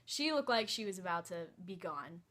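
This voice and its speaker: Telling a personal story in a casual vlog, a young woman speaks at a moderate pace in a lowish, animated voice that sounds pushed and bright. She's hesitant, filling her speech with lots of "like" and "um."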